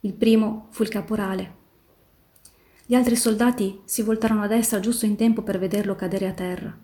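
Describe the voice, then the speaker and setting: Mellow-voiced woman reading a novel aloud. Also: mid-range voice. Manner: measured, steady reading that slows on tense passages. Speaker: volunteer reader in a reading marathon. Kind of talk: literary read-aloud narration.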